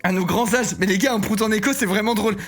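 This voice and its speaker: A man in his thirties chatting casually on a live stream, excitable and rambling, often breaking into giggles. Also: high-pitched, fast talker, faint music behind. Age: 30s.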